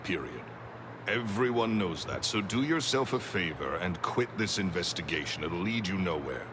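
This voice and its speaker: A man's voice: sits low, animated, moderate pace. An actor playing a curt, impatient man near forty in a video game. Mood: scornful, impatient. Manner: curt, scornful, commanding. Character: gruff impatient middle-aged man, hostile. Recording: game audio with clear background noise.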